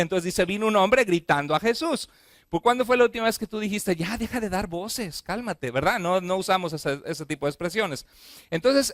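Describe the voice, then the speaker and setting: A male pastor preaches to his church in a fairly high voice. He keeps turning to the congregation with questions, rushing through lists and then slowing to press a point home. The sound is dry and close, with little room echo. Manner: asks the congregation frequent questions; speeds up on repeated lists, slows for emphasis. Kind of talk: sermon.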